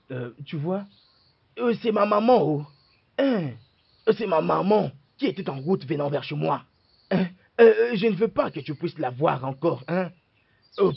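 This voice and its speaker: A man's voice: on the high side, gravelly, husky, heavily acted. A man dubbing a hesitant young man in a film, stammering through many fillers. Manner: stammering, full of "euh" fillers. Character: hesitant young man caught between two women. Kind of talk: French-dubbed film acting. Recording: dull lo-fi dub with music behind.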